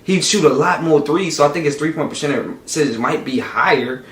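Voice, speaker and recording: A man's voice: a little high, normal speed, a bit bright. A man hosting a reaction channel, chatting casually about basketball and often saying "you know what I'm saying". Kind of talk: casual commentary on a clip. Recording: echoey room, far from mic.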